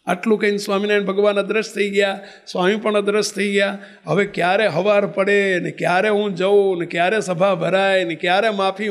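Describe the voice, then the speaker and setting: A man giving a devotional sermon, telling a story in an animated way and speaking directly to his listeners. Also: high-pitched. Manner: animated, chants drawn-out ecstatic exclamations. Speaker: spiritual leader giving a discourse.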